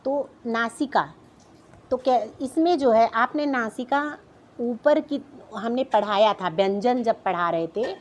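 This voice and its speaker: A woman's voice: fairly high pitch, slight background noise. A middle-aged woman teaching a class, patiently explaining a chart and repeating each sound, often checking in with her students.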